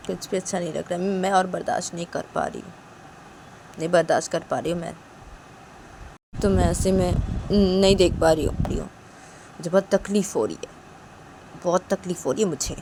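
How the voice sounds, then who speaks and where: A woman's voice: on the low side, normal speed, creaky, pauses often, background noise. A woman voicing a young woman who begs her lover to forgive her, asking the same questions again and again. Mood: pleading. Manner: pleading, repetitive questioning. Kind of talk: one-woman storytelling with voices.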